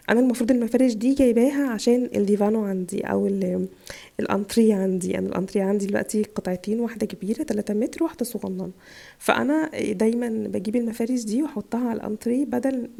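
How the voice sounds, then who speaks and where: A woman's voice: mid-range voice, creaky, dark tone. A woman with an Egyptian Arabic accent, chatting casually and gushing as she shows her shopping haul, her voice tired from a chest cold. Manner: chatty, gushing over items. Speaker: vlogger, mother. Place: home in Italy.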